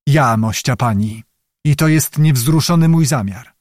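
A man's voice: mid-range voice, unhurried, no room sound, close to an everyday voice. Male reader as a stern young noble officer, commanding, unshaken, close dry sound.

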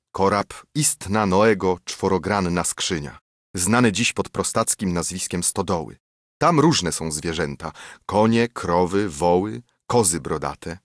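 A man reading epic verse aloud as an audiobook narrator, in a measured, rhythmic recitation. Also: sits low, a bit bright, dry recording, studio quality.

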